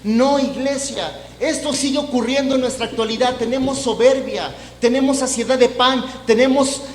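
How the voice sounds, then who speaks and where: A pastor with a high voice preaches in a loose, conversational way, restarting phrases and slipping into other people's voices to make his point. The sound comes from a roomy hall with a long reverb and a faint hum underneath. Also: normal speed. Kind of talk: sermon. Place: church.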